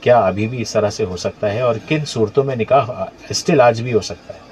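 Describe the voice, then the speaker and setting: A man's voice: mid-range voice, a little mellow, slight background noise. A man hosting a radio talk show, asking questions conversationally and affirming his guest often. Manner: conversational, asks questions with many affirming interjections.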